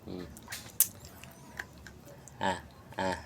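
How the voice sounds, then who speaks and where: Guy doing a mukbang, talks real slow between bites, keeps teasing the viewers, lowish voice. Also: monotone, gravelly, very noisy. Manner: taunting, teasing viewers with repeated "hmm?". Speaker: mukbang vlogger. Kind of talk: eating on camera, talking to viewers.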